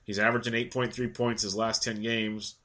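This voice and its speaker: Congested male host, low-ish voice, quick casual delivery of stats with a ranting streak. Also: level tone, bright, forceful tone. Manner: quick stat-heavy delivery, ranting at times. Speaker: fantasy baseball analyst. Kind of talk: casual daily picks rundown.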